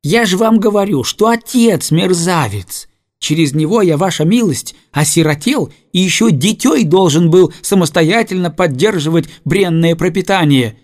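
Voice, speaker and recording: A man's voice: sits high, lively intonation, normal speed, voice pushed up. A man voicing a sly male tavern keeper's son who gossips in a raised, fawning voice. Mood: indignant.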